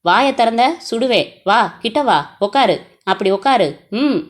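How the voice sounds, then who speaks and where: A woman's voice: on the high side, expressive, measured pace. A woman voicing a masked male kidnapper who gives curt, threatening orders. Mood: menacing.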